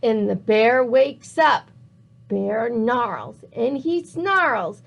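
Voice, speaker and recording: Slow, high-voiced woman reading aloud. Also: gravelly. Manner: rhythmic, drawn-out read-aloud. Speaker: storybook reader. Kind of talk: reading a picture book aloud.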